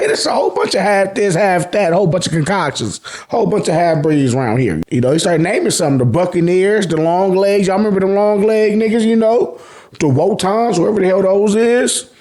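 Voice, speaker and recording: An American man who hosts an anime and manga review channel gives a casual, joking recap full of slang and swearing, animatedly acting out dialogue. His voice sits high and his pace is fairly quick.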